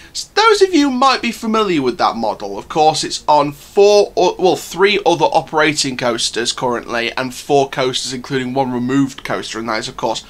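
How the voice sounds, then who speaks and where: A man's voice: a little high, fairly bright tone. A man hosting a theme park news channel, talking to viewers in a chatty, enthusiastic fan style. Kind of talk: casual news commentary.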